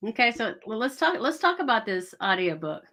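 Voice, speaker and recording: A middle-aged woman with a Texas accent chatting casually, her R's and W's blurring together so R's come out soft and w-like. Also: a little high, sing-song, brisk. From Texas, United States. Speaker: guest, author and audiobook voice actor. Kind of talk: casual chat.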